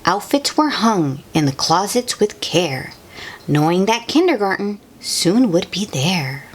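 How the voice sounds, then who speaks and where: A woman reading a picture book aloud to young children in an expressive, sing-song way, with chatty asides to the listeners. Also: mid-range voice, a little slow, slightly rough. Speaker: children's read-aloud host.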